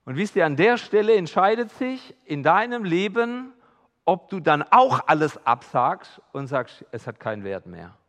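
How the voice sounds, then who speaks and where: German pastor preaching in a hall. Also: male voice, on the high side, very animated, measured pace. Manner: dynamic preaching, swings between hushed and loud. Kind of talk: sermon.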